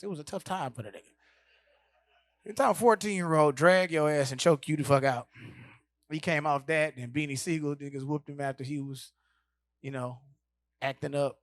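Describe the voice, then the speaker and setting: A man from Houston, telling a stand-up story in a profane, animated way. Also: medium pitch, dry recording. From Houston, Texas. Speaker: comedian.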